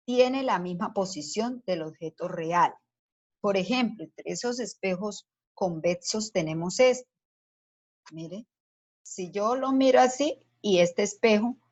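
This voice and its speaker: A woman teacher giving a science lesson to children, explaining patiently step by step and asking the class questions as she goes. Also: mid-range voice. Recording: dull lo-fi sound.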